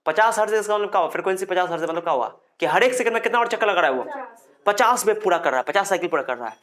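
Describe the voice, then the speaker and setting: A man's voice: high voice, animated, racing, a bit bright. Man, physics teacher, classroom lecture, repeats terms, quizzes students constantly. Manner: drills the class with repeated questions; repeats key terms over and over.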